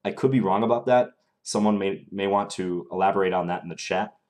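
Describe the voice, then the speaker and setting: A young man's voice sits low and moves fairly quickly, with a slight strain, as he streams chess live, relaxedly reasoning aloud about his games and replying to viewers.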